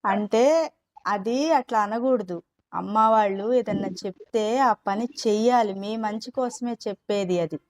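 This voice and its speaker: A woman's voice: medium pitch, normal speed, a little mellow. Patient woman teacher coaxing young pupils. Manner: patient, coaxing, asks children many questions; mimics whiny children's talk when quoting. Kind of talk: teaching children in a live class.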